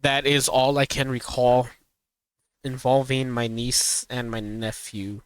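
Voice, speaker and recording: A man in casual live-stream chat, reacting to a video. His voice is smooth and resonant, recorded dry and close with no room echo. He rambles, laughs easily and drives his warnings home with emphasis. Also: mid-range voice, level tone, slow pace.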